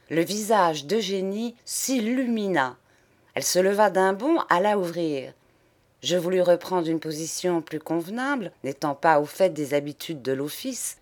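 A woman reading a classic novel aloud, in measured and expressive narration. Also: fairly low pitch. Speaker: audiobook reader.

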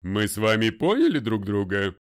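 A man puts on a stern, domineering older lawyer for an audiobook, booming and slow, every word weighed. His tone is smooth and resonant, and he speaks as if no one would dare interrupt. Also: sing-song. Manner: loud, commanding, slow and deliberate. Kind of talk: audiobook character voice.

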